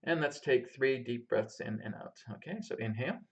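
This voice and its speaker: A man calmly leading a guided grounding meditation as a spiritual teacher, giving step-by-step instructions to listeners. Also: medium pitch, moderate pace, gravelly. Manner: calm, instructing listeners step by step through breathing. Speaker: spiritual teacher and healer leading a live session.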